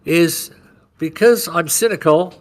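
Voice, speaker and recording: A man's voice: fairly high pitch, slow. A man hosting a trading podcast, explaining chart moves in casual chat and checking in often with "right?". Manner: walks through chart moves conversationally, with frequent "right?" checks; animated storyteller who acts out market scenarios.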